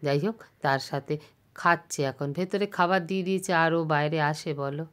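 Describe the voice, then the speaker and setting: Chatty woman vlogging outdoors, low voice. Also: fairly quick, a little hiss or hum. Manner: chatty, excitable pointing-out. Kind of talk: casual walking vlog narration. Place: outdoors at a zoo. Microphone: handheld camera.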